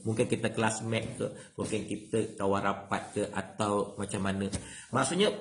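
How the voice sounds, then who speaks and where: A man's voice: medium pitch, a little hiss or hum. A man with a Malaysian Malay accent giving an evening religious lecture, acting out little dialogues and tagging lines with "ya" and "ha". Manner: animated, acts out dialogue, many "ya" and "ha" tags. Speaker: religious teacher. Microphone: livestream microphone.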